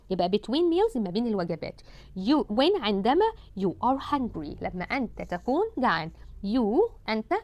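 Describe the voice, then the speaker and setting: A woman teacher with an Egyptian Arabic accent gives an English lesson for children, saying English words slowly and stretched out and then translating them. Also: on the high side, darkish tone, dry recording.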